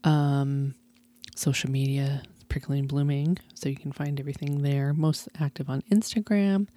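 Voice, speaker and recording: This woman hosts a podcast with a notably low voice, chatty and bubbly as she talks. She laughs easily and keeps things relaxed and casual. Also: normal speed. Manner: chatty and enthusiastic, laughs often. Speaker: podcast host.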